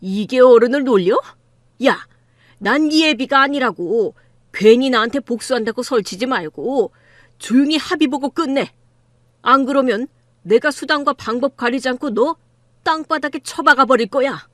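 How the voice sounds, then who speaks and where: A woman's voice: high voice, normal speed, a bit bright, dry recording, studio quality. A woman voicing an arrogant, crude middle-aged man who runs a law firm, in an audiobook drama reading, talking in a sneering, bullying way.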